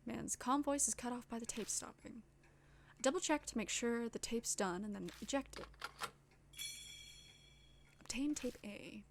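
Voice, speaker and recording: A woman's voice: fairly high pitch, a little slow, long pauses, slight background noise. A woman streamer reading visual novel text aloud with casual, slangy asides. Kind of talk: let's-play reading game text aloud. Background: game music.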